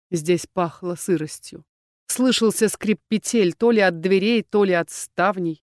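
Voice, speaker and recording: A woman reading a fantasy novel aloud in the first person, with steady storytelling. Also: fairly low pitch, no room sound, clean studio sound. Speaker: narrator. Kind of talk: audiobook narration.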